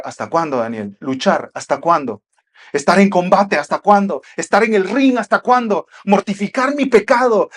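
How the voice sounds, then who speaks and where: A male pastor preaching a sermon. He speaks emphatically, repeats rhetorical questions, and swings from loud passages to hushed ones. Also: high-pitched.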